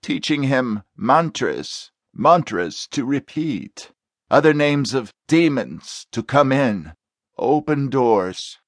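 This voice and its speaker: A man voicing a cornered, pitiful male demon spirit in an audiobook, speaking in slow, labored phrases. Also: medium pitch, very animated, no room sound, clean studio sound, pitched above the performer's own voice, exaggerated voice. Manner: slow, labored, pleading speech. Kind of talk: audiobook character voice.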